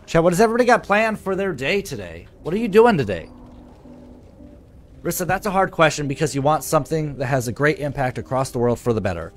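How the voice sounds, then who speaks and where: A man's voice: fairly high pitch, very animated, quick pace, a little hiss or hum. A man live streaming, chatting casually with his viewers, swearing freely and reading their comments aloud. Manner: loose, profane, reads chat comments aloud.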